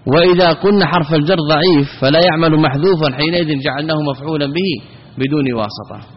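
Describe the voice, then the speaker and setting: A man's voice: a little high, fast talker. A man teaching a classical grammar lesson, explaining step by step and often asking a question, then answering it himself. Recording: dull, lo-fi, with long reverb.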